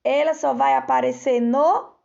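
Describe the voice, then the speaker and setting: Woman teacher for kids' lesson, slow and patient, gravelly higher voice, dull lo-fi sound. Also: fairly even intonation, a little mellow. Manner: slow, patient, drawn-out word reading. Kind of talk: recorded lesson for children. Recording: dull lo-fi recording.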